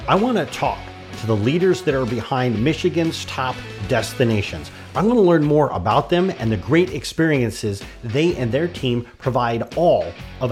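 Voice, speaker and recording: Man, podcast host, lively pitch, friendly, upbeat interviewer.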